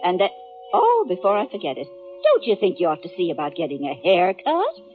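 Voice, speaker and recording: A fussy, swooping old aunt. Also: female voice, on the low side, huge pitch swings, brisk. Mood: bossy, fussing. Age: older. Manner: scolding, folksy, fussing. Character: fussy, bossy, widowed elderly aunt. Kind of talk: 1950s Western radio drama acting. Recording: dull vintage radio recording, music behind.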